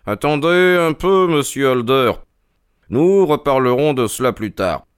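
Audiobook: man playing a keen, methodical detective, slow deliberate questions, crisp voice. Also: medium pitch, lively intonation, no room sound, clean studio sound, close to an everyday voice. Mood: measured. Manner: measured, inquisitive. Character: sharp, calm male detective, keen and methodical. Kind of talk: audiobook character reading.

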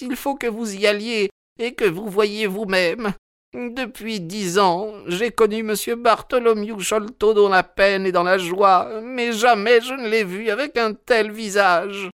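A frantic, worn-out old housekeeper woman, as a male reader puts her on, her voice pushed up high and shrill, pleading and close to tears. She is heard in a dry, close audiobook recording. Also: a bit bright, smooth, dry recording. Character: hysterical old female housekeeper, worn and frightened. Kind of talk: audiobook reading.

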